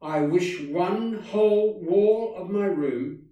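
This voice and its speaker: A polite, eager young girl, voiced lightly by a male storyteller, a little higher than his own voice. The sound is distant and very echoey, with a mellow tone. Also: slow pace. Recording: very echoey room, distant mic.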